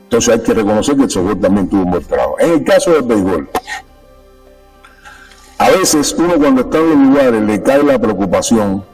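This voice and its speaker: A man's voice: on the low side, lively intonation, brisk, a little mellow, recorded from a distance, faint music behind, poor audio. A Cuban-born man speaking as a sports official guest in a conversational interview, emphatic and repeating his key points. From Cuba.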